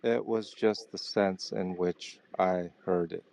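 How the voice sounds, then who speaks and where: A man in his fifties from Los Angeles, defending himself in a live debate with measured, polite, wordy protests. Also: low-pitched, fairly even intonation, creaky, a little mellow. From Los Angeles, United States. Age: 50s. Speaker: debate participant.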